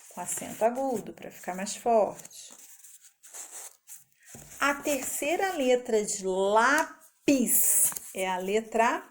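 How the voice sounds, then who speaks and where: Slow, careful woman teacher. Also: on the high side, a bit bright. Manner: slow, careful syllable-by-syllable explanation. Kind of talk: recorded literacy lesson for teachers.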